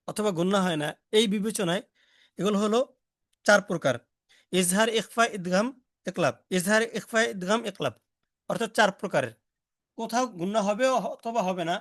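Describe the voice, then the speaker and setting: A man with a Bangladeshi accent teaches the rules of Quran reading, slowly and repetitively drilling Arabic letters and vowel marks. His voice is high, and the recording is clean, studio-quality, with no echo.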